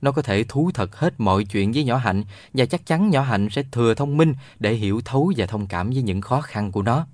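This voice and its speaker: A man narrating a children's novel aloud in a lively storytelling manner. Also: medium pitch, brisk, few pauses, dry recording. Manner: lively storytelling, voices all the characters. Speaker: audiobook narrator.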